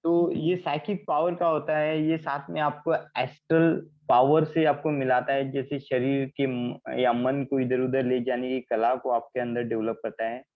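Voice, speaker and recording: A man's voice: mid-range voice, level tone, measured pace, few pauses, phone-quality sound. A man leading an online healing class, explaining with acted everyday examples and often checking that his students follow. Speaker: healing trainer.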